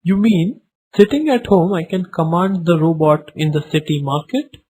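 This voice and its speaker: A man's voice: fairly high pitch, normal speed, darkish tone, slightly rough, low-quality recording. A man playing a scheming customer buying a robot, speaking hesitantly in a business-like way.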